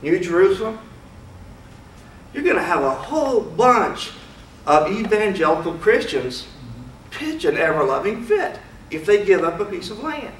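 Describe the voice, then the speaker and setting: Speaking to an audience in a lecture room, this man delivers a casual, candid talk full of rhetorical questions. His voice sits high with big pitch swings and an unhurried pace, picked up from a distance in a spacious hall with faint hiss or hum.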